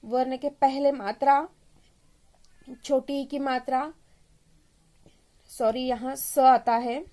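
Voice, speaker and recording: A woman teaching a children's lesson, her voice set quite high. She speaks very slowly and sounds out each syllable one at a time, speaking straight to the children as she goes. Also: steady tone, dark tone. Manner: addresses the children directly.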